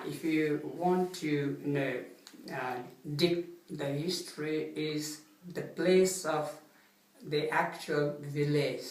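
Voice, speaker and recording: Slow-spoken older Nepali man, echoey room. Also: fairly high pitch. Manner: slow, polite, halting, with many fillers. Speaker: guest, retired Gurkha soldier. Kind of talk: interview answers. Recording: echoey room, mic some distance off.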